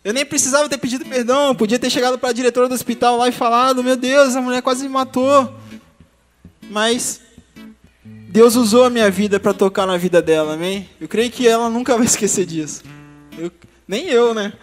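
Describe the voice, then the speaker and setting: A young man with a very high voice tells a church testimony in a lively, humorous way, often calling out to the congregation. His voice rings with the long reverb of a church hall, and soft guitar music plays behind him. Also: a little fast. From Brazil. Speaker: testimony speaker.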